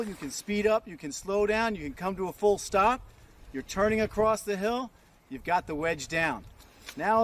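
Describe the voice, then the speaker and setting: A male ski instructor with a high-pitched voice gives a lesson out on the slope. He coaches in short, encouraging, informal instructions. Steady outdoor noise runs behind him.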